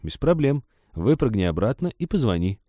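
A man's voice: medium pitch, big pitch swings, moderate pace, mellow, dry recording, studio quality. A man voicing an eager, helpful male cyborg who talks in stiff, report-like machine phrasing in an audiobook story. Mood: deadpan eager.

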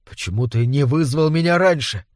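A man voicing a composed doctor who calmly reassures his frightened friend. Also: a little high, normal speed, no echo, clean studio sound, lightly acted. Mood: reassuring. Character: composed male doctor, shaken but steady. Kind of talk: audiobook character reading.

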